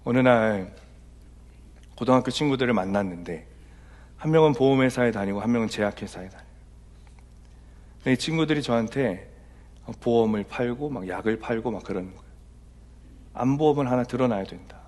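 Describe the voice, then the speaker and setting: Middle-aged man, senior pastor; conversational sermon with personal stories, soft asides and loud emphatic peaks. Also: medium pitch, brisk, pauses often.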